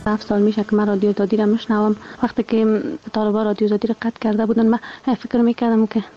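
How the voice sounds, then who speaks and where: A woman's voice: medium pitch, monotone, soft background music. A woman with an Afghan accent gives a listener's testimonial in a radio message. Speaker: radio listener leaving a comment. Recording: dull, band-limited message audio.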